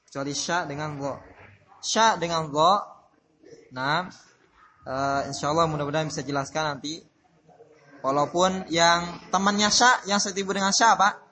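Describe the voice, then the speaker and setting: A man's voice: a little high, bright, forceful tone. A man teaching Quran recitation in a study-circle lesson, explaining patiently, repeating his points and putting questions to his class. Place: religious boarding school classroom.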